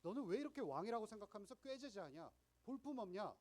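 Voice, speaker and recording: A man's voice: a little high, big pitch swings, brisk, a little mellow. A man voicing a sneering Roman governor who asks scornful, sarcastic questions. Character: mocking sneering Roman governor, male adult.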